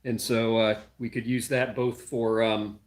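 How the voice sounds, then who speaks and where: Young male maker, mid-pitched voice, loose unscripted chat while tinkering at the bench. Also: level tone, a little slow. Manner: rambling, thinking aloud with many fillers; working hands-on while talking. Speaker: maker hosting a livestream. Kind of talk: casual livestream chat. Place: home workshop.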